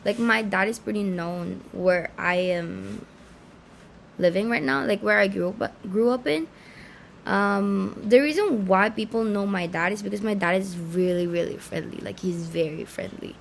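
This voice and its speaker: A Filipino-raised woman in her twenties chats casually to camera from a room in the Philippines, rambling in a distractible, self-mocking way full of "like" and restarts. Her medium-pitched voice is unhurried and creaky, with slight background noise in the recording.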